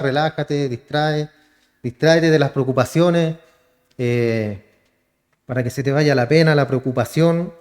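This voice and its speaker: A male pastor with a Chilean accent delivers a sermon. His voice sits a little high for a man. He keeps addressing the congregation directly and asking them rhetorical questions. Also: darkish tone. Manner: calls the congregation brother, asks rhetorical questions.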